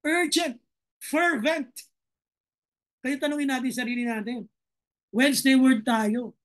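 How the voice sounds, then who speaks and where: High-voiced Filipino woman preaching fervently. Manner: switches between calm teaching and sudden fervent shouts, slows for emphasis; preaches in Tagalog mixed with English. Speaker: pastor. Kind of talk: sermon.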